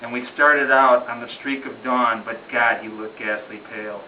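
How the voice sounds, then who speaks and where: His medium-pitched voice keeps fairly even intonation at a normal speed as he performs a narrative ballad for a home gathering, reading it as an amateur with dramatic rhythm and emphasis, like a story. The audio sounds distant, muffled and roomy, with a little noise.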